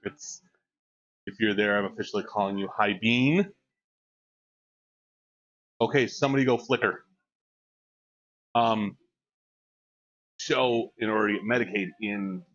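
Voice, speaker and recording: A man in his forties with a mid-range, fairly bright voice chats casually on a live stream, cracking jokes and reading the chat aloud. His mic sounds dull and lo-fi.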